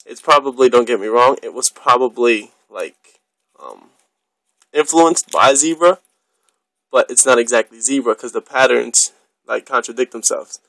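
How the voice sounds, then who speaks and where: A man's voice: mid-range voice, a little slow, fairly bright tone, no room sound, rough recording. A young man casually reviewing a watch on camera, rambling and enthusiastic, with lots of ums and the odd swear word.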